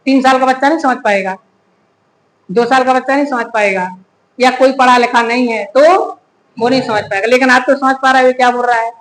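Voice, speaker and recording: A man's voice: very high-pitched, fairly even intonation, fairly quick, a bit bright. A male physics teacher giving a classroom lecture, who keeps asking the class rhetorical questions and repeating key terms. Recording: echoey room.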